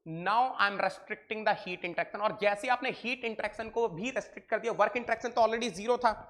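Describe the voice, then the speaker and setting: A man's voice: high voice, steady tone, moderate pace, a bit bright. An Indian man with an Indian accent giving a live online engineering lecture, mixing Hindi and English, repeating points and quizzing his students affectionately.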